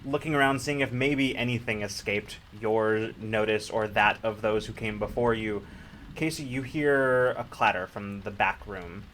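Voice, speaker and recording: A man's voice: on the low side, a little hiss or hum. Laid-back man narrating as game master. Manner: relaxed, filler-heavy narration with quick put-on voices.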